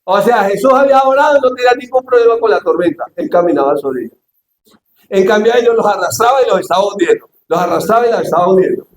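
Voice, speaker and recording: A man preaching a sermon as pastor, acting out Bible scenes and shouting for emphasis. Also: high-pitched, quick pace, slight background noise. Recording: echoey church hall, faint ambience.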